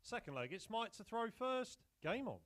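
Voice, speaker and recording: Male score caller, very high voice, formal set announcements. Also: sing-song, normal speed, fairly bright tone. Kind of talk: calling scores and checkouts.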